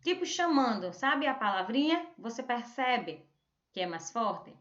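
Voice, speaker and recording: A Brazilian woman teaching a remote lesson, drawing out words slowly to show stressed syllables. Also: fairly high pitch, very animated, fairly bright tone. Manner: slow, drawn-out word modelling with stressed syllables. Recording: echoey room, dull lo-fi sound.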